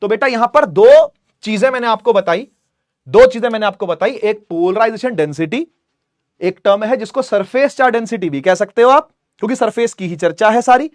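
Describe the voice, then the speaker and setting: A man teaching physics in a lively lecture, with a tinge, acting out little scenes in funny voices to make his points. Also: sits high, normal speed, no echo, clean studio sound. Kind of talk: animated classroom lecture.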